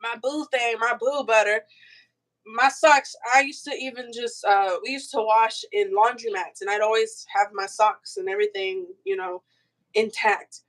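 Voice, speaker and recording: A woman guest in a casual chat over a video call, telling stories in an animated, slangy way. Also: on the high side, moderate pace, rough recording. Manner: animated, laughing storyteller with slangy phrases.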